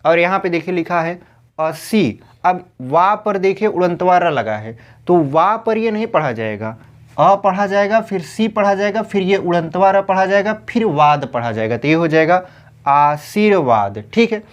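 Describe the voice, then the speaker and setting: A young man teaches a spelling class for exam candidates. He works through each word slowly, asking rhetorical questions as he goes. His voice sits a little high for a man. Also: expressive, dull audio. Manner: explains step by step with rhetorical questions. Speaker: Hindi teacher. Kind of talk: exam-prep grammar lesson.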